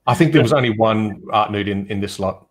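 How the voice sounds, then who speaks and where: Low-voiced man telling shoot stories. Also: fairly quick. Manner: relaxed storytelling with fillers. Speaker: photographer guest. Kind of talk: casual chat on a livestream.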